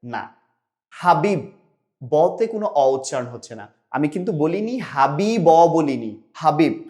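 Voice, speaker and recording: A man's voice: fairly high pitch, big pitch swings, darkish tone. Man teaching grammar, quizzing himself. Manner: explains step by step, asks questions and answers them himself; sounds out syllables slowly. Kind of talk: recorded online lesson.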